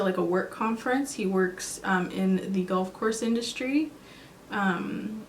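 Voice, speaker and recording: A beauty vlogger in her twenties chats casually while doing her makeup in a cold room at home, rambling and correcting herself as she goes. Her voice sits at medium pitch, with a roomy sound and slight background noise.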